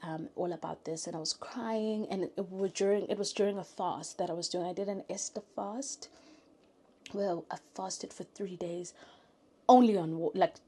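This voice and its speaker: A woman from South Africa with a South African accent, telling an earnest, faith-filled story in a casual vlog and often dropping to a soft whisper. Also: lowish voice, normal speed, breathy edge. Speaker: YouTuber.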